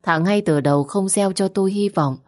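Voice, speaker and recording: A woman narrating a first-person story in a soft, slow, emotional way. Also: mid-range voice.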